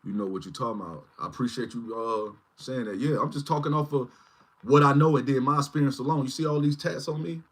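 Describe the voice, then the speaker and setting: Hosting a laid-back livestream, a man in his forties talks quickly in a medium-pitched voice. He wanders from point to point and keeps tossing in "you know what I mean."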